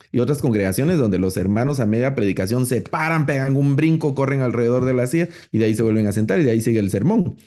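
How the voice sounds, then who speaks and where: A middle-aged man, giving a relaxed, conversational online lecture on preaching with frequent rhetorical tags. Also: mid-range voice, vocal fry. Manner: relaxed, explanatory, with many fillers and rhetorical tags. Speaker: preaching course instructor.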